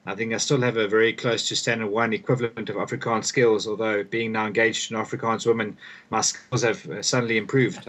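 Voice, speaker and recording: A young guest author and performance coach from South Africa speaks in a medium-pitched, fairly bright voice. His answers are thoughtful and conversational, and he tends to repeat words when restarting sentences.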